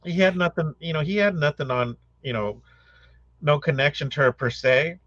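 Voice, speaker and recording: A man's voice: a little high, normal speed, a bit bright, no echo. Chatty male co-host on a dull, dry line. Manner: questioning, chatty. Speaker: podcast co-host. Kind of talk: casual podcast discussion.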